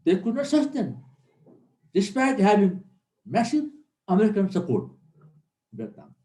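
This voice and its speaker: A middle-aged Nepali man lectures earnestly as a military instructor in a classroom, emphasizing key points by repeating them. He has a high, warm voice with wildly swooping pitch and talks at normal speed, with a roomy echo in the recording.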